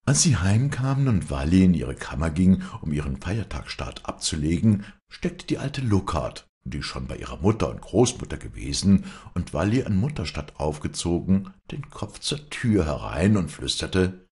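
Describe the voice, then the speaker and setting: Deep, gravelly male audiobook narrator. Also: moderate pace, hardly any pauses. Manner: expressive storytelling. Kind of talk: audiobook reading.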